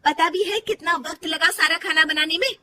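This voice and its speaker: A woman voicing a tearful, angry young wife in a cartoon story, with a shrill, sobbing delivery. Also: normal speed, sharp tone, faint music behind. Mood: defiant.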